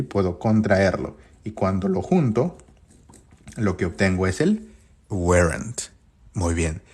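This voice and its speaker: A man's voice: fairly low pitch, slightly rough. A man teaching English grammar in a live-streamed lesson, constantly asking viewers questions and repeating their answers back.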